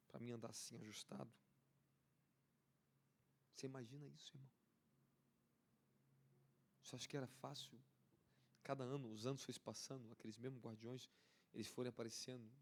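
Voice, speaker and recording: Man, Brazilian accent, charismatic preacher, fervent, repeats himself, climbs to excited highs. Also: gravelly. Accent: Brazilian Portuguese. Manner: fervent, repetitive, rising to excited peaks. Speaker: apostle preaching. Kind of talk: charismatic sermon.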